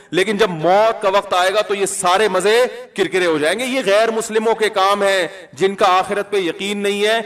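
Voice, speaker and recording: A man with a Pakistani Urdu accent delivers a sermon in a loose, conversational way. He pitches his voice high and keeps throwing rhetorical questions at his listeners. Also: a bit bright. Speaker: Islamic preacher.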